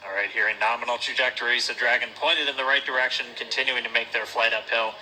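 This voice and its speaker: A man giving live launch commentary in a measured, explanatory way as a webcast host. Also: mid-range voice, steady tone, sharp tone, slight background noise, low-quality recording.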